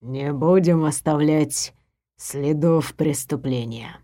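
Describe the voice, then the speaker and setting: A woman voicing a cautious middle-aged stepfather who murmurs in a low, hushed way in an audiobook. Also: slow. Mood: hushed tender. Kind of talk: audiobook character voice.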